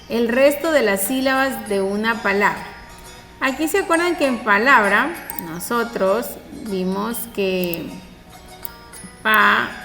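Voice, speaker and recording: A woman teaching a primary school class in a recorded online lesson. She is patient, keeps checking understanding with short tag questions, and stresses syllables loudly to demonstrate them. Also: sits high, big-room sound.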